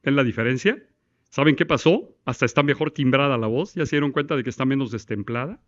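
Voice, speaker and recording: A man's voice: medium pitch, quick pace, highs cut off. A man teaching a class on breathing and diction, demonstrating exercises and quizzing his students. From Mexico. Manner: demonstrative, asks the class questions, recites verse in one breath. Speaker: law course instructor. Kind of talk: classroom lecture on voice technique.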